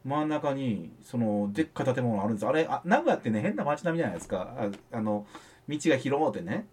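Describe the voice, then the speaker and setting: Chatty Kansai man, lively fast talk. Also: mid-range voice, breathy edge. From Osaka. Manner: rambling, chatty storytelling. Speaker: podcast host. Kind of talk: casual chat.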